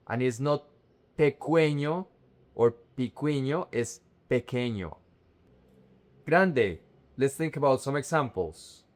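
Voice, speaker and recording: A man teaching Spanish vocabulary, saying each word slowly and repeating it with clear stress on the syllables. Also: mid-range voice, darkish tone. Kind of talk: slow, careful language lesson.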